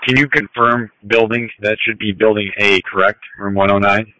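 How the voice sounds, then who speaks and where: Forceful low male responder on radio. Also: little pitch movement, moderate pace, a little hiss or hum, poor audio. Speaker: emergency unit responder. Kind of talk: radio traffic.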